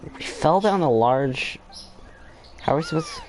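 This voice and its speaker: Over a little hiss or hum, a man with a higher voice and huge pitch swings talks at a moderate pace. It's casual let's-play commentary on a game's story quest: he muses aloud, laid-back, keeps trailing off and restarting his sentences, and reacts with quick exclamations.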